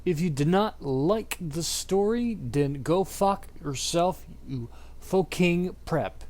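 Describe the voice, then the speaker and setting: An amateur reader gives a theatrical, exaggerated reading of fan fiction, often stumbling and breaking up. His voice is fairly high, expressive and a little mellow, and he reads at a slow pace.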